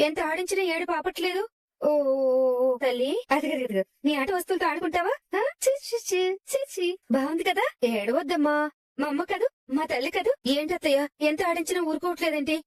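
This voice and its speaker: A woman's voice: very high voice, fairly quick. A woman playing a young relative coaxing and cooing to a crying baby. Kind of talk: Telugu TV serial acting.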